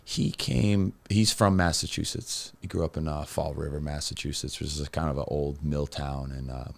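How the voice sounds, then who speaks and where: A young adult man, a podcast guest, telling his personal story in a rambling, halting way with many restarts. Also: very deep voice, fairly even intonation, creaky.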